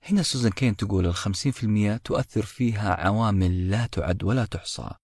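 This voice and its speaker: Deep husky male podcast narrator. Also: fast, darkish tone, no room sound, studio quality. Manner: reflective storytelling, addresses listeners directly. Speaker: podcast host. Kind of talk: book summary narration.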